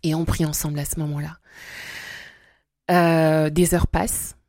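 A woman raised in Congo-Brazzaville, telling her faith testimony as an interview guest, hesitant with many pauses and fillers. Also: low-pitched, flat delivery, darkish tone, no echo, studio quality.

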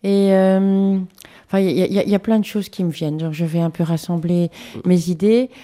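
Woman radio host, chatty, trips over her words, mellow sound. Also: lowish voice, steady tone, a little fast. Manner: casual, stumbling, repeats words while framing questions. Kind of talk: radio interview.

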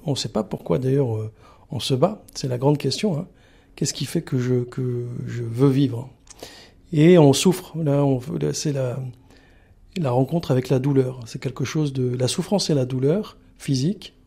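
A middle-aged man from the Paris region, speaking as a guest in a radio interview and pausing often with fillers. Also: medium pitch, gravelly, warm tone, husky. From Paris region, France. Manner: halting, many filler pauses. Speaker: sanctuary communications manager, guest.

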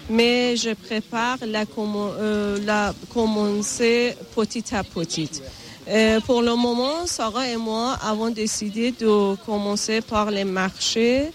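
Slow, careful Iranian woman caterer. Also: a little high, fairly even intonation. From Iran. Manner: slow, careful, hesitant with fillers. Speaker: caterer interviewee.

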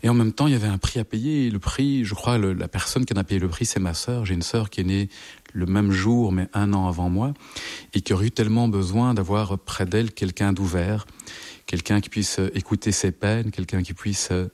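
A middle-aged man from France, a psychologist guest, recounting his life slowly and reflectively while searching for his words. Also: on the low side, steady tone, a little mellow. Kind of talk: personal interview testimony.

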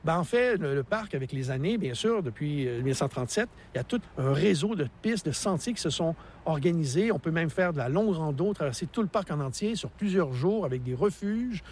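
A man in his sixties with a Québécois French accent speaks with a fairly high, darkish voice, lively intonation and a slightly fast pace, with a little hiss or hum. A park naturalist, he explains the mountain landscape outdoors in a radio interview, enthusiastic and teacherly, laughing easily.

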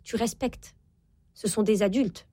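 A woman's voice: mid-range voice, measured pace, dark tone, husky, dry recording. A woman in her forties, a guest author on a radio interview, talking with many fillers and restarts. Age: 40s.

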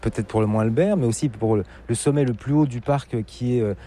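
A man hosting a radio show, chatting briskly with a guest and narrating the segment. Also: mid-range voice, warm tone.

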